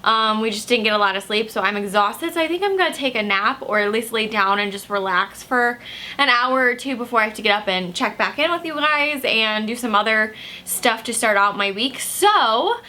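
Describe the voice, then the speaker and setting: Young woman, makeup vlogger, chatty, lots of fillers, bright voice. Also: fairly high pitch, expressive, moderate pace. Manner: chatty, filler-heavy with many "like"s. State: slightly hoarse, just woken from a nap. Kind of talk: casual video check-ins.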